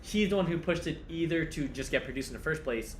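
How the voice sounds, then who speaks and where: A man's voice: fairly high pitch, animated, fast talker, echoey room, slight background noise. A man in his thirties co-hosting a casual drawing chat, rambling and laid-back, swearing now and then. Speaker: co-host.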